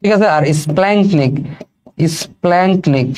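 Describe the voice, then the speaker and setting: A young male biology teacher, his voice set a little high for a man. It has a soft, mellow tone. He repeats each key term several times and keeps checking that students are following. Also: a little fast, a little hiss or hum, rough recording. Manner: repeats key terms and keeps asking "okay?". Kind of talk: recorded exam-prep lesson.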